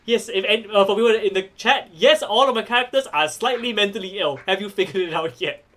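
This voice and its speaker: Guy running a wrestling rpg stream, high bright voice, laughs a lot. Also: brisk. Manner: animated, laughing, voices characters. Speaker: game master. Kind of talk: narrating a tabletop wrestling game.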